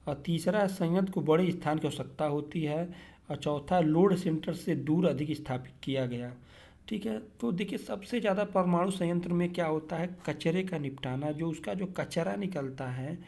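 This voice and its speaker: A man's voice: a little high, dark tone. A man, teaching an exam-prep lesson and explaining each question step by step, often checking in with his listeners. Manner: explains step by step, repeats "theek hai" often; reads English questions slowly, then explains in Hindi.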